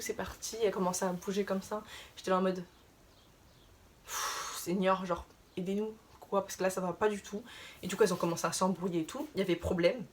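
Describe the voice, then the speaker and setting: A young adult woman casually telling a story to her viewers, chatty and animated, piling on filler tags as she retells what happened. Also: medium pitch, slight background noise. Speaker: vlogger.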